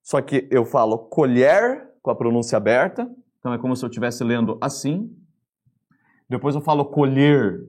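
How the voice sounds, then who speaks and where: Husky-voiced Brazilian man teaching grammar. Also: medium pitch. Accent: Brazilian Portuguese. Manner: lively, chatty, asks the class questions. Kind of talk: online grammar lesson.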